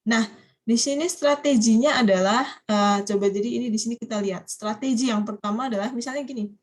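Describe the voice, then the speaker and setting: A woman's voice: on the high side, brisk, darkish tone. A woman teaching a university Japanese class online, prompting students to finish each phrase. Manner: coaxing students to complete phrases. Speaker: Japanese language lecturer.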